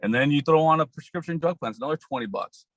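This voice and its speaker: A man's voice: fairly high pitch, quick pace, fairly bright tone, no echo. A man, an insurance agent on a group call, explaining plans in a plain, matter-of-fact way while his cell phone connection keeps breaking up. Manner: plain, matter-of-fact, repeats points for emphasis. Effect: choppy breaking-up cell phone connection. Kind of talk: casual sales explanation.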